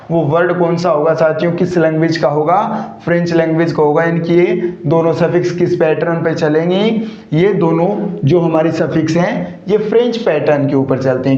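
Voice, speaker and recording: High-voiced man teaching in an echoey room. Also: a little mellow. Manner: asks questions and answers them himself, repeating key points. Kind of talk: classroom grammar lecture. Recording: echoey, dull lo-fi room sound.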